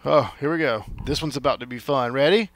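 A man's voice: medium pitch, a little fast. A man in his thirties giving playful, casual let's play commentary on a headset, often repeating his phrases. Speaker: host playing a video game.

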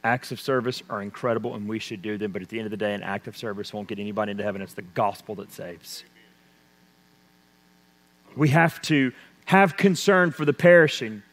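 A man preaching a sermon, swinging between loud emphasis and hushed intensity. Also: fairly low pitch, brisk. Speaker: pastor. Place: church sanctuary. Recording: long church reverb.

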